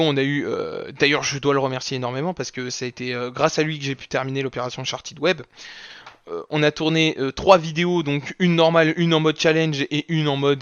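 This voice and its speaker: A man's voice: a little high, fairly bright tone, no echo, lo-fi sound. A young man in a casual, joking channel recap, full of slang. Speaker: YouTube gaming creator. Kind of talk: casual anniversary recap video.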